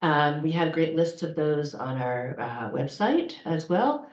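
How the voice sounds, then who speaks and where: A library's outreach coordinator, hosting a public event indoors in one of its event rooms, greets attendees and runs through announcements casually with joking asides. She speaks unhurriedly in a low pitch with big swings, captured in a roomy, slightly muffled live recording.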